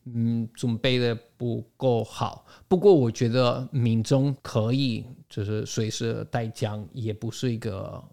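A man's voice: mid-range voice, steady tone, unhurried, gravelly, hardly any pauses, warm tone. A man speaking as a guest in a casual interview, giving his opinions and explaining them through stories and quoted exchanges. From outside Taiwan.

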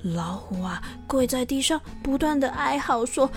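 A woman with a Taiwanese Mandarin accent narrating a folk tale for children in a lively, expressive way. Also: high voice, moderate pace, faint music behind. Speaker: storyteller.

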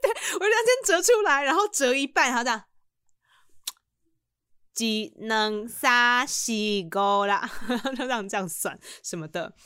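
A young woman who grew up in the United States, chatting casually on a podcast as a lively storyteller who laughs a lot. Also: high-pitched, quick pace, few pauses, no room sound, clean studio sound. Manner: lively storyteller who keeps laughing and acting out the people she quotes. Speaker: podcast co-host. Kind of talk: casual chat.

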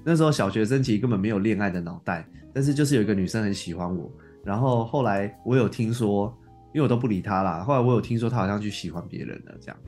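Rapid-fire man telling a story. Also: fairly low pitch. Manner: lively, mimics his younger self. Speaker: podcast co-host. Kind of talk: casual storytelling chat. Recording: faint music in background.

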